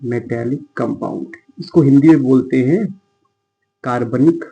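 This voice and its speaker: A man's voice: medium pitch, a little slow, narrow, tinny audio. Guy with teaching chem, casual and chatty, talks while writing on the board. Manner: chatty, addresses students as bhai, writes while talking. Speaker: chemistry teacher. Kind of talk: casual classroom lecture.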